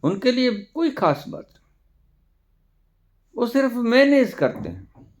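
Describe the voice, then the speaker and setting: A spiritual teacher from India delivers a discourse in a very high voice with big pitch swings, taking his time. He preaches forcefully, asking rhetorical questions and dropping in phrases of English.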